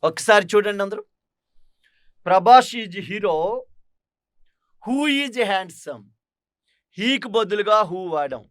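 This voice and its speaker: A man's voice: high-pitched, fairly bright tone, no room sound, clean studio sound. A man teaching an English grammar lesson, explaining step by step and asking his class rhetorical questions. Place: online teaching studio.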